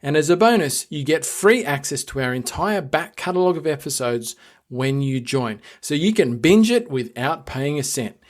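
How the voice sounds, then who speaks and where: A man's voice: a little high, animated, moderate pace. A man hosting a podcast, reading promos and interviewing a guest in an upbeat, conversational way. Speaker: podcast host. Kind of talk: casual interview and scripted promo read.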